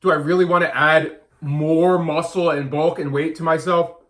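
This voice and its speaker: A man in his thirties with a slightly high voice, talking casually and bluntly to his camera. He hammers his points home and often says them twice. The talk is loose and unscripted. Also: fairly even intonation, moderate pace, fairly bright tone. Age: 30s. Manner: blunt, emphatic, repeats himself. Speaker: vlogger and diet coach.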